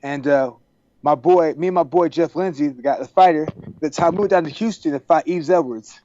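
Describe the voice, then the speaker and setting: A man from Texas, a podcast guest on a video call, telling stories in a casual, animated way and acting out the dialogue. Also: a little high, a little fast, slight background noise. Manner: animated, acts out quoted dialogue. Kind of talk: casual storytelling. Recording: dry, dull video-call audio.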